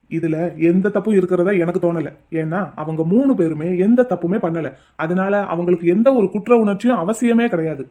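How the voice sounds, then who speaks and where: A man's voice: sits high, dark tone, close to an everyday voice. A man voicing a stern, proud father who delivers a firm, defiant speech.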